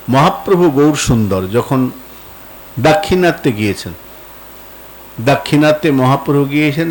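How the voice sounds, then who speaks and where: A man's voice: medium pitch, poor audio. Man, Bengali accent, devotional sermon, storytelling with acted-out dialogue, rhetorical questions, faint background hiss. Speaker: Vaishnava preacher.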